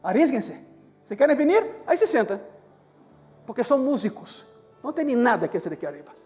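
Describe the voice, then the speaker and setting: A man's voice: very high-pitched, a little fast. A man preaching a sermon as pastor, telling a story and acting out the dialogue. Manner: animated, acts out dialogue in the story. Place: church service. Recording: live church hall with music behind.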